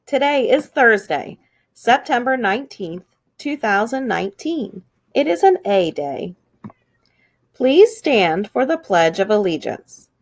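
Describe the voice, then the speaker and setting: A woman reads the school's morning announcements over the speakers. Her voice sits fairly high and swoops up and down in a bright, sing-song lilt. Every line comes out upbeat and cheerful. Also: very animated, slow pace.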